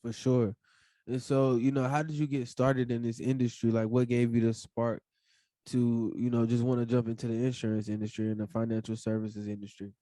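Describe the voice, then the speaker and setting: A man hosting a podcast, asking relaxed questions with many fillers like "you know". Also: medium pitch, brisk, no room sound. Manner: laid-back, filler-heavy, says "for sure" and "man". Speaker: podcast host. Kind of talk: casual interview questions.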